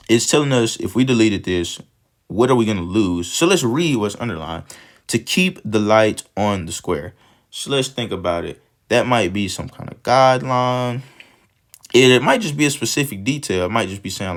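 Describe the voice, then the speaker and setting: Sniffly male tutor, a bit low-pitched, relaxed and rambling as he walks through practice questions. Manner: casual, thinks aloud, stumbles and restarts. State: sniffly with a cold. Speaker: test prep tutor.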